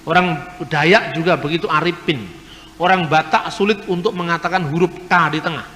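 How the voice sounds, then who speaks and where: A man giving a teaching lecture, explaining points in a lively way. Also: on the high side, moderate pace, big-room sound, a little hiss or hum. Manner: lively, explanatory, imitates regional pronunciations. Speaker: religious speaker.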